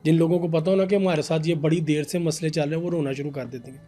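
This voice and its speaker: A young man, a podcast guest telling an animated story about a paranormal case. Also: a little high, fast, faint music behind. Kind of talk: casual storytelling in a podcast interview.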